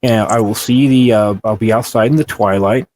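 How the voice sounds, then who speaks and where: A man's voice: lowish voice, moderate pace, darkish tone, a little hiss or hum. A man in his sixties co-hosting a casual chat, telling long, earnest personal stories in a rambling way. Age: 60s.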